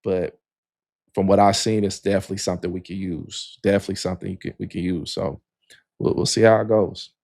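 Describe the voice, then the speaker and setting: Low-voiced man chatting about basketball. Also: fast talker, gravelly, dry recording, clean studio sound. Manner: relaxed, rambling, frequent "you know". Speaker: podcast co-host. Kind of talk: casual sports podcast chat.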